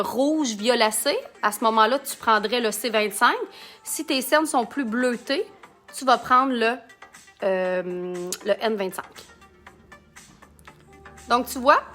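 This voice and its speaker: A Canadian makeup consultant with a Quebec French accent runs a chatty live tutorial from home under a ring light. Her voice is fairly high and fairly bright, and she greets viewers by name.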